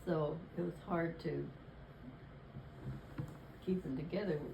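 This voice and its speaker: Speaking slowly in a deep, creaky voice with fairly even intonation, an older woman interviewed in a casual family chat rambles through her memories and corrects herself as she goes. The recording is reverberant with a noisy background.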